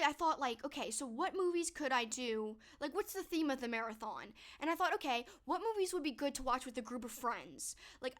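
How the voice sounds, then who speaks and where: Her voice sits high and is a bit bright. A young streamer answering viewer questions in a casual live chat, she stays upbeat with lots of "like" and "um," though her voice is fading and she's losing it.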